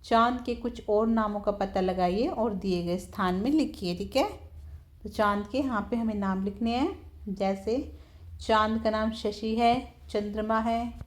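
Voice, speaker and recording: A woman teacher, patiently explaining a textbook lesson to young children, often slowing down to repeat words. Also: mid-range voice. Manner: patient, repeats words slowly, keeps saying "theek hai".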